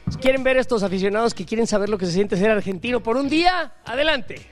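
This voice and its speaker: Casual sports host, jokey, lots of "o sea" and "pues". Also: male voice, extremely high pitch, animated, quick pace, music in the background. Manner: chatty, joking, fills with "pues" and "o sea". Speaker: sports talk show host. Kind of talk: lively panel banter.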